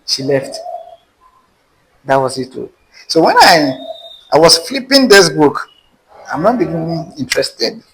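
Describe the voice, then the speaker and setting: Here a Nigerian-accented guest shares a personal dating tale with animation, voicing the quoted lines himself. His pitch leans high, his pace is a little slow with frequent pauses, and the low-quality recording carries a little hiss or hum.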